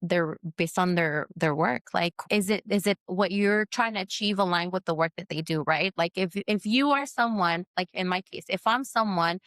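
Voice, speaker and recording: A woman who runs a post-op massage business, talking candidly in an interview, with fillers, restarts and quick shifts into voices when she quotes people. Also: dry recording. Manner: acts out quoted voices with sharp pitch jumps. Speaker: post-op massage therapist, guest. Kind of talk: casual interview conversation.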